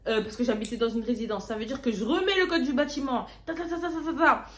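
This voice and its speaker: Young woman telling a lively storytime. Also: fairly high pitch, quick pace, slight background noise. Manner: lively storytelling, slangy, often repeats words. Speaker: vlogger. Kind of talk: casual storytime narration. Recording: roomy echo.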